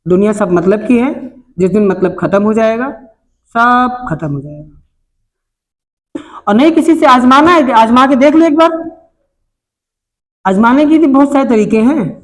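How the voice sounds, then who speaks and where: A middle-aged man with a north Indian accent lectures a classroom of students. His voice sits high for a man as he moralizes earnestly and throws rhetorical questions at the class. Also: lively intonation, a little slow, pauses often. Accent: Hindi, north Indian. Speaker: coaching teacher. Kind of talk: classroom life advice talk. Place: coaching classroom.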